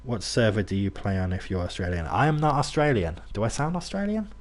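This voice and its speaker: Animated and brisk, a young British man with a fairly low voice provides casual gameplay commentary to his chat. He comes from near Birmingham but his accent is a loose British mix, not Brummie, and he rambles, using fillers and restarting sentences.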